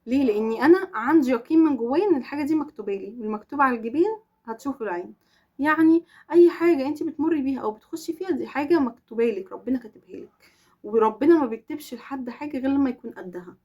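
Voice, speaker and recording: A woman's voice: sits high, rapid-fire, mellow. A young woman with an Egyptian accent, chatting earnestly to camera as a vlogger answering viewers' questions and stressing her points with oaths. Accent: Egyptian Arabic. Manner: earnest, emphatic, swears oaths for emphasis. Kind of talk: casual chat to camera.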